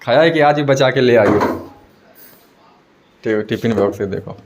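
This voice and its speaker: Young man, family vlogger, teasing chatty tone, phone camera at home, mid pitch, faint hiss. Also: moderate pace. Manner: teasing, chatty, keeps addressing viewers. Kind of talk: casual vlog chat to the camera. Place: indoors at home.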